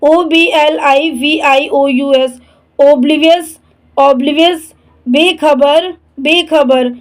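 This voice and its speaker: Slow, high-voiced woman spelling words. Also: steady tone, low-quality recording. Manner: spells each word letter by letter, then repeats it twice. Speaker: English vocabulary teacher. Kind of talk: spelling and translating word lesson.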